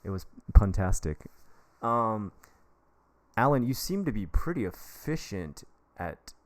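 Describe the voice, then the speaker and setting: Talking straight to his stream audience, a man from the United States who teaches English offers laid-back advice, rambling and joking like a pal. He speaks unhurriedly with a fairly low pitch and big swings in it.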